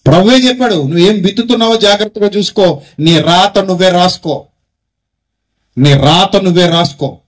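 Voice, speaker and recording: A man's voice: sits high, moderate pace. A man preaching a Christmas sermon with a Telugu accent, pressing his listeners with rhetorical questions and having them repeat lines after him. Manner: exhorting, calls congregation to repeat phrases. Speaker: pastor.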